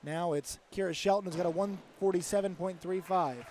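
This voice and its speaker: A man giving live commentary at a diving championship, briskly announcing each diver and score. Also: high-pitched, fairly even intonation, darkish tone, some chatter behind, a little hiss or hum.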